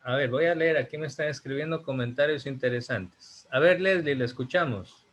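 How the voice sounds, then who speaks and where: An Ecuadorian man teaches an online class over a video call, speaking emphatically and putting rhetorical questions to his students. His voice is mid-range, a bit bright, and brisk.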